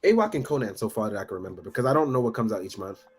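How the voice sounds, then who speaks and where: A man talking casually as a podcast guest, rambling and animated, laughing often. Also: fairly low pitch, rapid-fire, husky. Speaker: guest toy photographer.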